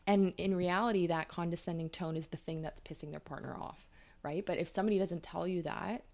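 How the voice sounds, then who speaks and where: A woman from Canada, in her thirties, talks through relationship problems as a couples therapist. Her voice sits a little low and has a gravelly edge. She explains at length and leans on everyday examples. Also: a little fast, darkish tone. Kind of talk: conversational interview.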